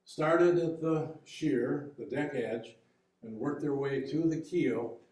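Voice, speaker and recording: Slide by slide, a boat builder leads a public local-history lecture on building boats. He sounds relaxed and mellow, explaining with patience but frequently restarting and using fillers. He's far from the mic, in an echoey, boomy room.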